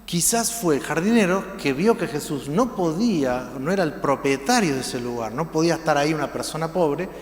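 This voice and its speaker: A man preaching a sermon in Rioplatense Spanish, swinging between loud emphasis and hushed lines. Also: fairly high pitch, lively intonation, brisk, few pauses, reverberant, in a large hall. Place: church.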